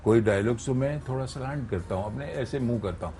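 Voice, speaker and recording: A man's voice: medium pitch, fairly quick, mellow, a little hiss or hum. A man, a radio voice artist, explaining his craft step by step as a guest on a TV morning show and checking that he is understood. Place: TV studio.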